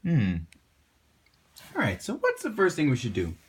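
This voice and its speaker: A man teaching a homework help lesson, patiently walking viewers through a math problem and encouraging them to pause and work along. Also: fairly high pitch, huge pitch swings, slightly rough.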